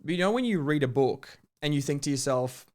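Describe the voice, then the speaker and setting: A man hosting a podcast interview, talking eagerly and quickly with some fillers. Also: a little high, expressive, a little mellow. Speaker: podcast host. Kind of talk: casual interview.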